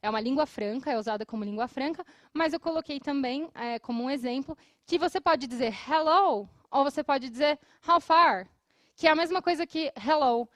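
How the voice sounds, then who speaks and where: A woman with a Brazilian Portuguese accent teaching an English lesson, explaining patiently and repeating English phrases slowly for her students. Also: high-pitched, no echo, clean studio sound. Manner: laughs often between phrases. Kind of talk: televised classroom lesson. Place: studio.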